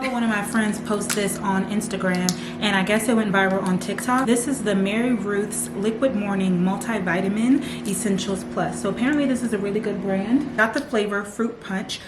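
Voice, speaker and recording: A woman's voice: mid-range voice, echoey room, background noise. A young woman in her twenties chatting casually to camera for her vlog, leaning on lots of "like" fillers. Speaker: vlogger. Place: home.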